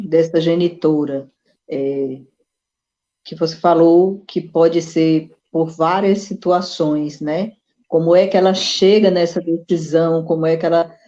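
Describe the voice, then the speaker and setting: A woman hosting a live online interview, asking measured, reflective questions, heard through low-quality stream audio. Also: dark tone, muffled recording. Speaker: host.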